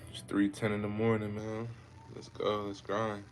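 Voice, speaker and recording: Faint music plays behind a twenty-something Ohio man hosting a fitness livestream. His voice is on the low side, completely flat, and moderately paced as he chats easily and repetitively with viewers, calling them "bro" and "man."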